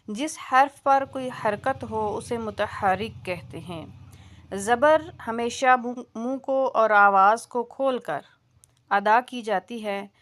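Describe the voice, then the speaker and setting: A woman's voice: on the high side, fairly bright tone. A woman teaching a Quran recitation lesson, patiently drilling syllables and checking that her students follow. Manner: patient, repeats sounds slowly and checks understanding.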